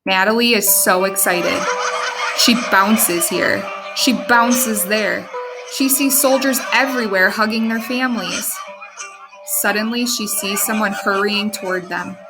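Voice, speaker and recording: A woman storyteller reading a children's picture book aloud with expressive delivery. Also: medium pitch, unhurried, rough recording. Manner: expressive, animated read-aloud. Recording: music under the reading.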